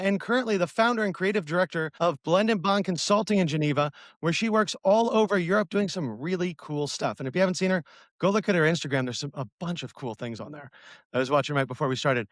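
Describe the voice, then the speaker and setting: Man, podcast host, chatty, upbeat, high voice, dry close sound. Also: fast talker, dry recording. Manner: upbeat, chatty, lively intros. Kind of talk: podcast hosting.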